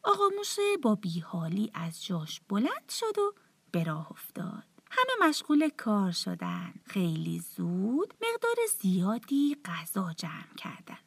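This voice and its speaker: A woman telling a bedtime story to children in a soft, often half-whispered, tender voice. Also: mid-range voice, huge pitch swings, gravelly, husky, dry recording.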